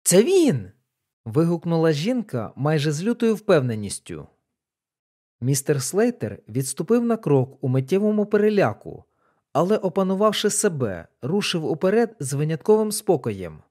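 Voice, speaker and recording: A man narrating an audiobook in an expressive, scripted reading. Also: fairly high pitch, normal speed.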